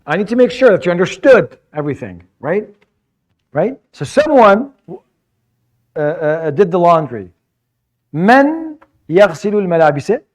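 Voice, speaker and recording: A man's voice: sits high, big pitch swings, normal speed, pauses often, darkish tone. A male teacher giving a classroom lecture, patiently explaining vocabulary and often repeating words while he searches for his phrasing. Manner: mixes English explanation with Arabic vocabulary. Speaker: Arabic teacher.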